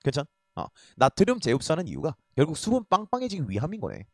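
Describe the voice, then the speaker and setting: A man's voice: a little high, wildly swooping pitch, quick pace, dry recording. A man teaching a reading lesson in a casual, blunt way, swearing freely and often checking that students are following. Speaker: Korean language tutor. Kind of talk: lecture on reading a passage.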